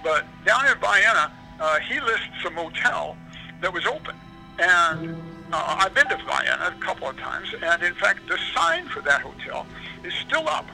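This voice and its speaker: A man's voice: high voice, big pitch swings, moderate pace, creaky, sharp tone, faint music behind, rough recording. A man, an author and historian, answering interview questions in a rambling, digressive way.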